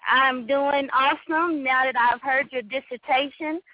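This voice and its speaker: A woman's voice: high-pitched, steady tone, unhurried, no echo. A woman from North Carolina calling in to a radio show over a phone line, effusive and full of praise. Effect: heard over a phone line. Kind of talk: call-in chat. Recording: tinny dry phone line.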